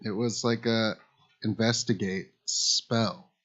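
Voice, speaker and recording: A man's voice: fairly low pitch, fairly even intonation, slow pace, fairly bright tone. A man playing a tabletop game, eager and thinking aloud as he plans moves. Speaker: player. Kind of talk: casual tabletop game play. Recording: muffled lo-fi stream audio.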